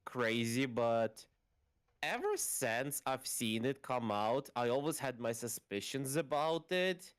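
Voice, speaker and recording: A man from Russia on a casual voice call, blunt and informal, quick to correct and prone to swearing. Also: mid-range voice, expressive, clean tone. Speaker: caller.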